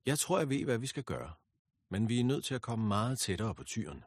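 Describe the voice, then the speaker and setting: A man's voice: on the low side, big pitch swings, no room sound, studio quality. A man voicing a proud, boastful young hero king with a confident manner.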